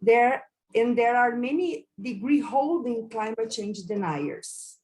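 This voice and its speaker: A Brazilian university lecturer, a native Portuguese speaker with a Brazilian Portuguese accent, gives a conference lecture in English. She speaks slowly and carefully with many hesitations and repeated words, in a slightly high, animated voice with a darkish tone.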